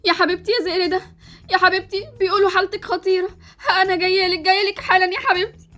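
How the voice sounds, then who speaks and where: A woman's voice: extremely high pitch, little pitch movement, rapid-fire, pushed and bright, soft background music. A woman voicing an anxious, doting mother with an Egyptian accent, who fusses and pleads in a Roblox series. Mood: frantic. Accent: Egyptian Arabic. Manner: frantic, pleading.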